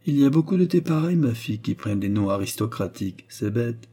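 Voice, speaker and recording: A man's voice: medium pitch, lively intonation, quick pace, dark tone, lightly acted. A man doing a sly mocking baronet. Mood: scheming. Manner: smooth, teasing, coldly calculating. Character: scheming mocking male baronet, around thirty. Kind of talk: audiobook character reading.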